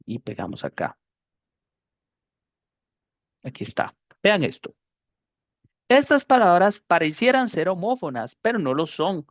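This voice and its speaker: Lively teacher. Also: mid-range voice, dry recording. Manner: explains by repeating model words slowly. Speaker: English teacher. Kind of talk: online pronunciation lesson.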